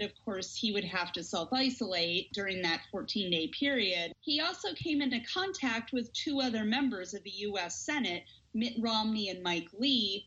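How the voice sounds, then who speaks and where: A woman congressional correspondent giving a brisk, explanatory live report to the anchor. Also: mid-range voice, pushed and bright. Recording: dull, lo-fi line.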